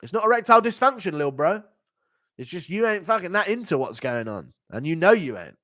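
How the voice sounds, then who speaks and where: Joking, profane livestream host. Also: male voice, on the high side, big pitch swings, normal speed, a bit bright, dry recording, clean studio sound. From United Kingdom. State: sick, unwell. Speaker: livestream host reading donations. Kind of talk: casual livestream chat.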